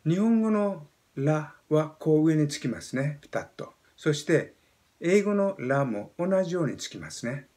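A Japanese man in his seventies teaching pronunciation, explaining step by step and demonstrating sounds with animated emphasis. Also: fairly high pitch, a little slow. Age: 70s. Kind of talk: explaining lesson.

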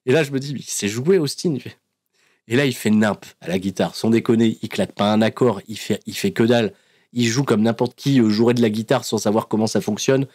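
Animated, chuckling podcast host. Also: male voice, fairly low pitch, brisk. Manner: animated storytelling, laughs often, many fillers. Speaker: podcast host recapping wrestling episodes. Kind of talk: casual recap chat.

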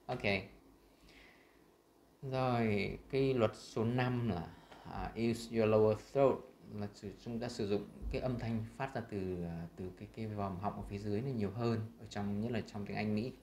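A man with a Vietnamese accent teaching English pronunciation, saying sample words slowly and loudly between his explanations. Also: lowish voice, reverberant, a little hiss or hum. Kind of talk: screen-share lesson.

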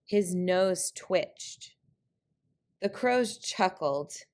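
A woman narrates a picture-book trickster tale. Her voice sits a little low, and she tells it very slowly, with deliberate, clear phrasing. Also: lively intonation, a little mellow. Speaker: storyteller.

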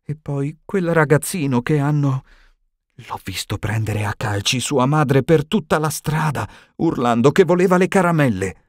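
A man voicing a stern elderly female professor in an audiobook, higher and tremulous, shaken and indignant. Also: animated, normal speed, no echo, clean studio sound.

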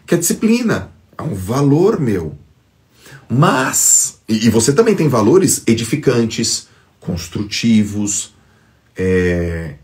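A man's voice: mid-range voice, darkish tone. A man giving an emphatic motivational talk to followers on a phone live stream, acting out quoted thoughts.

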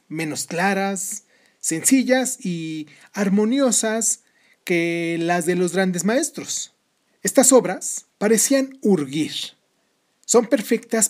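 A man hosting a podcast, reading scripted narration in a measured, formal way. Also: fairly high pitch. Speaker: podcast host.

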